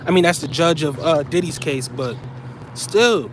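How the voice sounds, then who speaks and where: A man's voice: on the high side, lively intonation, measured pace, slight background noise. A man delivering heated, profane commentary straight to his viewers, blunt and scolding.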